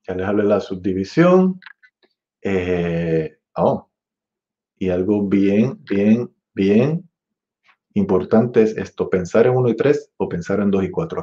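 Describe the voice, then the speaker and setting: A man in his fifties teaching a music master class, chatty and digressive. He breaks into scat-sung rhythm syllables to show phrasing, and his voice sits a little low. The recording is dull and muffled. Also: warm tone. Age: 50s. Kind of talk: demonstrating phrasing by singing rhythms.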